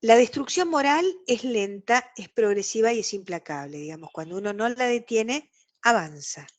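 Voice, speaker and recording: A woman's voice: on the high side, expressive, normal speed. A woman with a Rioplatense Spanish accent, giving an explanatory online lecture over a video call and acting out quoted exchanges. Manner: explanatory, acts out quoted dialogue.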